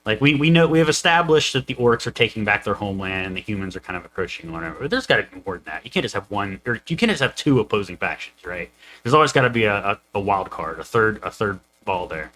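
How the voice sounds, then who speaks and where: A man's voice: fairly low pitch, animated, quick pace, fairly bright tone, low-quality recording. A young man co-hosting a casual podcast chat, rambling with lots of fillers and restarts. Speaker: co-host, game master.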